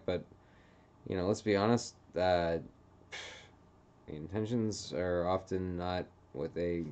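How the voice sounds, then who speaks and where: A man's voice: fairly low pitch, a little mellow. A young man rambling through a casual solo monologue, full of filler phrases, as the host of his own show. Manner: meandering, heavy on filler phrases. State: hiccups. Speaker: podcast host.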